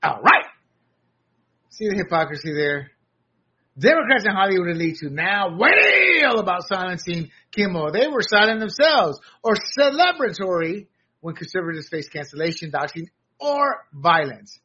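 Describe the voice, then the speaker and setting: A man hosting a political commentary monologue, combative and sarcastic, pushing into shouts on his points. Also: high voice, sing-song, normal speed, breathy edge. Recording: dull lo-fi audio.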